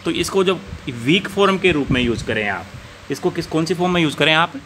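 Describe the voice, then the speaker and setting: A man's voice: fairly high pitch, animated, a little fast, fairly bright tone, a little hiss or hum. A man teaching an English grammar lesson, asking the class questions and answering them himself while he repeats the key points.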